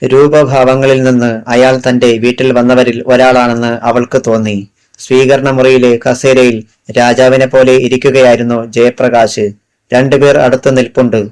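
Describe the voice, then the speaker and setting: A man narrating a crime thriller audiobook in a steady, measured way. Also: medium pitch, smooth, low-quality recording.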